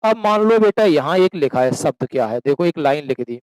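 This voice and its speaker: A man's voice: fairly high pitch, lively intonation, a little fast, darkish tone, dry recording, rough recording. A man teaching a classroom lecture, asking questions and answering them himself, addressing students as beta and slipping into rural dialect for examples. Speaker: coaching teacher.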